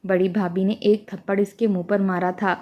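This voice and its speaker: A woman tells a domestic drama in a soft, mellow voice at an even middle pitch. She speaks every character's lines herself, and her voice climbs higher and louder whenever a scolding sister-in-law speaks. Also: dull audio. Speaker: storyteller. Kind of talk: scripted narration of a family drama story.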